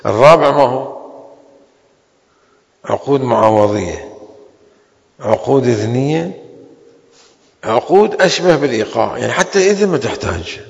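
A man gives a seminary law lecture in a gravelly, creaky voice. He draws out the important terms slowly, then hurries through side remarks. A long hall reverb trails each phrase. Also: medium pitch. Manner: slow, drawn-out stresses on key terms with sudden quick asides. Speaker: religious law teacher.

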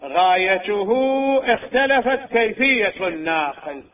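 A man delivers a scholarly lecture on religious law, slow and deliberate, putting questions to his listeners and answering them himself. His voice sits somewhat high for a man. The recording is thin and tinny, like a phone line. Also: sing-song.

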